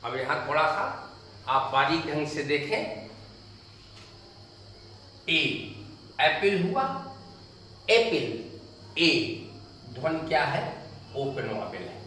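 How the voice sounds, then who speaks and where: A man teaching an English grammar lesson in Hindi, slowly repeating each example aloud. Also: a little high, lively intonation, bright, forceful tone. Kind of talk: slow classroom lecture. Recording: echoey room, distant mic, faint noise.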